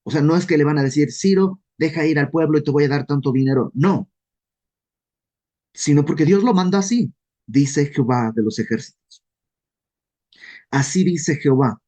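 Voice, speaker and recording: A man with a Mexican accent leading a casual verse-by-verse Bible study, lively and self-deprecating, often acting out questions in quoted voices. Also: a little high, normal speed, pauses often. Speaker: Bible teacher.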